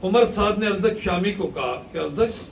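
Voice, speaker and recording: A male cleric giving an impassioned mourning sermon, telling the story with rising, shouted lament. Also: sits high, animated, far from the mic. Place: large mosque hall. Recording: echoey hall recording from afar, faint hiss.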